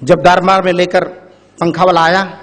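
Male public speaker, high-pitched, storytelling, addresses the crowd directly, reverberant hall. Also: flat delivery, normal speed, fairly bright tone. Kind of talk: motivational speech with a parable. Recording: echoey hall.

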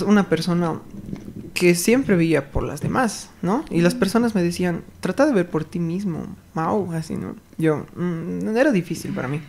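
A musician man speaking in a reflective, warm casual chat and laughing as he talks. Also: high voice, creaky. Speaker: guest musician.

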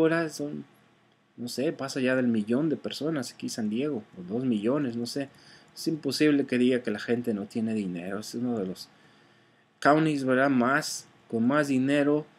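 A man's voice: mid-range voice, slightly rough. A man teaching car sales in a casual, conversational way, often checking in with his listener and correcting himself as he goes. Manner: conversational, often adds "¿verdad?"; frequent fillers and self-corrections. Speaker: online sales instructor.

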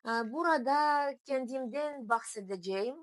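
A woman with a foreign accent speaking simple, halting learner's Turkish with small grammar slips, in a casual video diary. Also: high voice, dry recording. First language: not Turkish. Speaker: vlogger.

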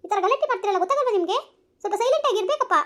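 A woman voicing a village hospital nurse who scolds noisy visitors in a sharp, bossy way. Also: very high voice, animated, racing, voice pushed up. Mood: scolding. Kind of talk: village family drama acting.

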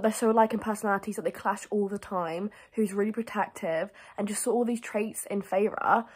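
Chatty young woman, breathy. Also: mid-range voice. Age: young adult. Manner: chatty, gushing, heavy use of "like". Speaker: book vlogger. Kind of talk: casual reading vlog.

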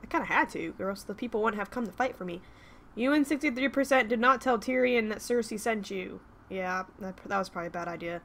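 A woman's voice: medium pitch, fast, a bit bright. A woman giving emotional, exclaiming commentary as she plays a story game. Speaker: let's play host. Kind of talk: gaming commentary. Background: game music.

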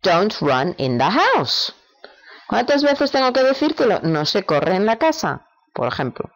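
A woman from teaching English phrases to parents, with slow, exaggerated English models between quick instructions. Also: mid-range voice, sing-song, rough recording. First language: Spanish. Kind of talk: bilingual language lesson.

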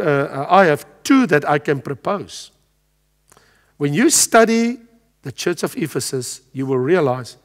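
A man in his sixties teaching a Bible study from behind a lectern, animated and gesturing, with frequent ums and uhs. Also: a little high, breathy edge, long reverb tail. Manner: animated, gestures broadly at a pulpit, frequent filler sounds. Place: studio with a world map backdrop, standing at a lectern.

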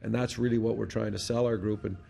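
A fast-talking middle-aged Canadian hockey head coach answers reporters after the game, speaking into a desk mic on a stand in a press room with a sponsor backdrop and slight background noise. His fairly low voice is steady and warm with vocal fry. He's blunt and matter-of-fact and restarts words often.

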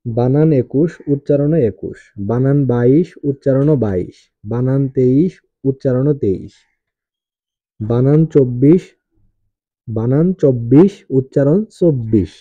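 A man teaching, reciting a spelling and pronunciation drill in a steady, repetitive way, saying each number twice. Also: mid-range voice, slow, long pauses, no room sound. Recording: tinny phone-like, dry sound.

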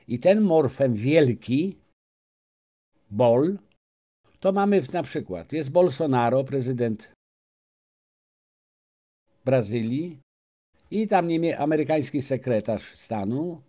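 A man gives a lecture-style talk as a guest, addressing his listeners directly. He speaks haltingly, stumbling and restarting often between filler sounds. His voice is dark and mellow, at an ordinary male pitch.

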